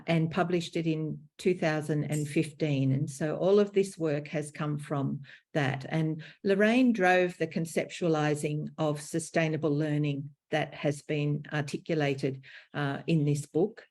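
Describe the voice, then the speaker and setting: An Australian woman, a teacher educator, giving a measured, slightly formal conference presentation over a video call. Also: low voice, fairly even intonation, a little mellow.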